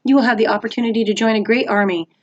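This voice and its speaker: A woman voicing a menacing male monster posing as a school official, reading a storybook aloud in a low, hushed, threatening tone. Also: steady tone, racing, dull audio, natural voice. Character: menacing male vice principal monster, sinister.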